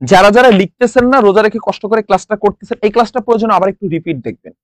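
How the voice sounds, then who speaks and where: A young man from Bangladesh tutors a live online exam-prep class, quizzing his students and repeating their answers. His voice sits high and he talks at a quick pace, with no echo.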